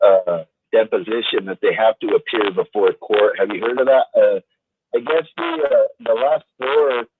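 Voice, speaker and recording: A man's voice: fairly low pitch, sing-song, moderate pace, vocal fry, no echo. A man calling into a talk show over a crackly, static-filled phone line, hesitant and searching for words. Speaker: caller. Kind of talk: call-in chat. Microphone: telephone.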